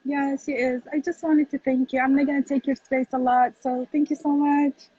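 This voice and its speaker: A woman's voice: sits high, level tone, moderate pace, dark tone. A woman from Somalia calling into a livestream, speaking earnestly with hesitant fillers. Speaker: caller on a livestream. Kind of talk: casual chat. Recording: muffled lo-fi call audio.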